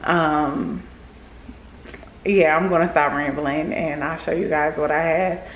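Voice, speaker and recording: Low-pitched woman vlogger, slight retainer lisp. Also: fairly even intonation, takes it slowly, slight background noise, low-quality recording. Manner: slightly lisped speech from wearing retainers. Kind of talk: casual rambling chat to viewers.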